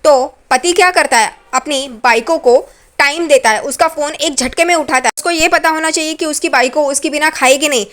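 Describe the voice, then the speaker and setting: A woman's voice: high voice, fairly quick, fairly bright tone. A woman voicing an angry, weary young wife who scolds her husband sharply. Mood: scolding.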